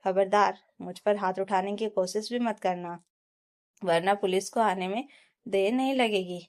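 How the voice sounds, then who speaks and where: A woman's voice: mid-range voice, steady tone, a little slow, a little mellow, close to an everyday voice. A woman voicing a young put-upon daughter-in-law. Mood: angry. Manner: pleading, then standing her ground.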